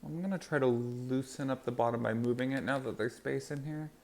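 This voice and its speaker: Male eating-show host, average pitch, loose rambling chat delivered between and through bites, chewing while talking. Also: brisk, creaky, a little mellow. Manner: rambling, loosely strung thoughts. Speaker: mukbang host.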